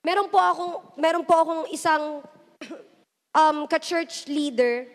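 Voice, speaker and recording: A young woman with a very high voice preaches to a youth service in an echoey church hall. She switches between Tagalog and English and acts out quoted lines as she tells stories. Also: takes it slowly. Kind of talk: sermon.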